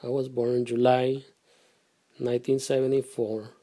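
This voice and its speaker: A middle-aged father from Guatemala answers questions in a casual family interview, speaking softly and haltingly with pauses and restarts. His voice is mid-range with little pitch movement.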